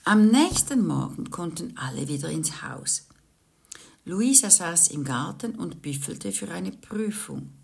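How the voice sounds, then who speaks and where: A woman reading a children's book aloud in a lively way, with chatty asides to young listeners. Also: fairly low pitch, creaky, slightly rough. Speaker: storyteller.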